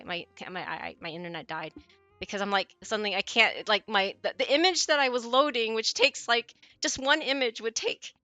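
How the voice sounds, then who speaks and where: A woman's voice: on the high side, pushed and bright, no echo. A woman in her forties, chatting casually with viewers on her stream, rambling and often correcting herself mid-sentence. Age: 40s.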